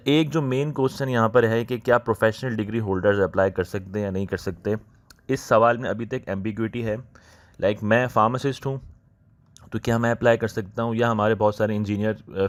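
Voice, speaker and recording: A man, talking viewers through job openings in a casual, unhurried way, often slipping into English phrases and pausing to think. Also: on the low side, darkish tone. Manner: unhurried, thinking aloud with many "uh" pauses. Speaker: channel host explaining job openings. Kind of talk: casual explanatory walkthrough.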